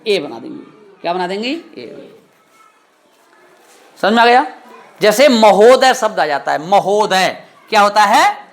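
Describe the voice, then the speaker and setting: A man's voice: sits high, sing-song. Strict guy teaching grammar, keeps asking the class questions and telling them off. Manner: stern, scolding, full of quick quiz questions to students.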